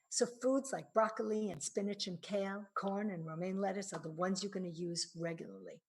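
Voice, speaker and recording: A woman's voice: medium pitch, low-quality recording. A woman giving a presentation on eye-health supplements, explaining earnestly with frequent fillers and restarts.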